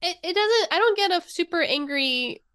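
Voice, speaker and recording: A woman's voice: very high voice, animated, moderate pace, pushed and bright. A young woman co-hosting a podcast, retelling a book's plot in casual chat with a hesitant, giggly manner. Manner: hesitant, lots of filler, giggly. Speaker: podcast co-host. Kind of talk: casual book discussion.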